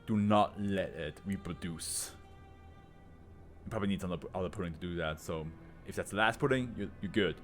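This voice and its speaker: A man giving casual, joking, foul-mouthed reaction commentary on an animated show as host. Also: sits low, fairly quick, faint music behind. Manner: joking, foul-mouthed, riffing in mock voices.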